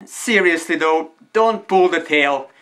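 A man's voice: fairly high pitch, slow, fairly bright tone. A man gives casual, joking tips on fursuiting, his voice muffled through a costume head. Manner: joking, blunt, swears for emphasis. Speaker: vlogger giving fursuit tips.

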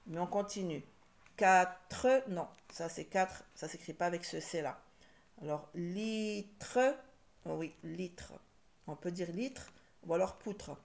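A woman teaching a French phonics lesson, slowly repeating each word for her learners. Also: fairly low pitch, steady tone, creaky, darkish tone.

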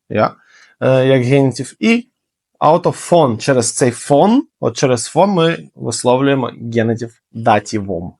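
Lively man explaining German grammar. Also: medium pitch. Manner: lively, quick explanations with fillers and emphatic repeats. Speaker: German language teacher. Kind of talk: casual video lesson.

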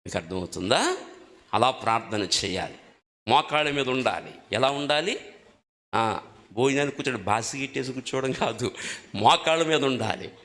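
A man's voice: medium pitch, lively intonation, moderate pace, pauses often, a bit bright. A male preacher giving a sermon, emphatic, putting questions to the congregation and repeating key words. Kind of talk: sermon teaching on prayer. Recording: long hall reverb.

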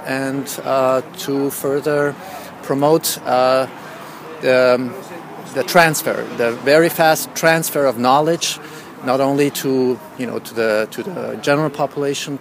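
A man in his forties who grew up in Austria, giving an earnest on-camera statement outdoors beside a building, full of restarts. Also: mid-range voice. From Austria, born in Iran. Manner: earnest, lists ideas with many restarts. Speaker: interviewee at an institute opening. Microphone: handheld camera close up. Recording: outdoor street noise.

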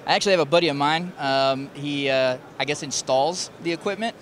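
A man in his thirties talks fast and casually, firing off follow-up questions full of fillers. He interviews an exhibitor at a trade show booth, holding a handheld mic. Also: fairly high pitch, a bit bright. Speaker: interviewer and controls technician. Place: busy exhibition hall booth.

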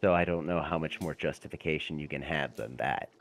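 A man's voice: very deep voice, fairly quick. A man voicing a formal, long-winded male adventurer in a tabletop game. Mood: defensive.

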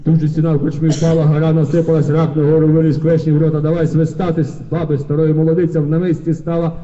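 A man performing a folk tale live on stage, telling it in a lively, vivid way. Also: on the high side, fast. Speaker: folk storyteller. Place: concert hall, live audience. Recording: dull distant concert-hall recording.

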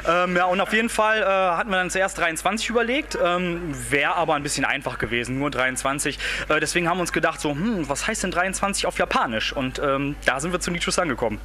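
A man in his thirties, a band's singer, telling stories in a relaxed, rambling way during a casual interview in a club's backstage room. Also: fairly high pitch, fast, few pauses, slight background noise. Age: 30s. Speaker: band singer. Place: backstage room of a music club. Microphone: handheld interview mic.

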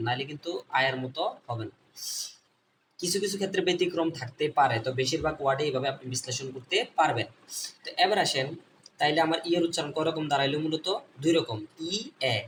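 A fast-talking man with a Bangladeshi Bengali accent runs an online phonics class, going over every point twice and posing questions he then answers himself. His voice is a little high and fairly bright; the mic is distant, he's a bit off it, and faint noise hums behind.

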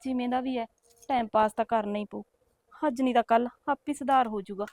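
A woman's voice: a little high, fairly even intonation, quick pace, dry recording, lightly acted. A young woman with a Punjabi accent playing a newly married wife who coaxes and complains to her husband. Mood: lamenting. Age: young adult. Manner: soft, coaxing, complaining. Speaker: actor in a short film. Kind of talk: village short-film acting.

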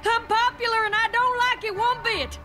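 A woman's voice: very high-pitched, steady tone, normal speed, roomy sound. A woman voicing blunt, fussing female cartoon pony townsfolk with emphatic delivery. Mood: agitated. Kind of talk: animated cartoon acting. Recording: cartoon soundtrack with loud music behind.

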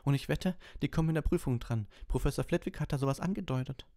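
A man's voice: on the high side, fast, mellow, voice pushed up, natural voice. A man voicing an earnest teenage schoolgirl who frets about exams in an audiobook. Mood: fretful. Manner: fretful and earnest. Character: anxious, studious teenage schoolgirl witch.

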